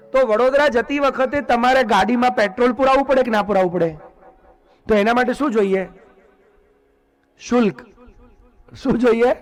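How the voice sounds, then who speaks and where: A man with a high voice preaches a devotional discourse. He keeps turning to his listeners with questions and then answers them himself. Faint music plays underneath. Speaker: religious discourse speaker. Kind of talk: devotional sermon.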